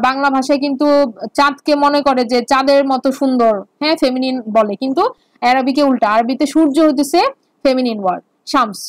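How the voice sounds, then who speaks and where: A woman's voice: sits high, no echo. A woman teaching basic Arabic grammar in an online lecture, explaining patiently and repeating words. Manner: explains patiently with repetition and fillers.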